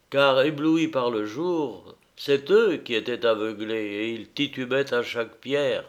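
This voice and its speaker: A man narrating a literary tale in a measured, unhurried storytelling manner. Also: mid-range voice. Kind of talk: literary audiobook reading.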